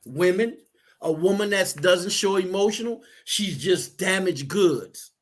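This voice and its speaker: A man's voice: sits high, a little slow. A man talking earnestly and explaining his ideas, often restarting and repeating words. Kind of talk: casual discussion.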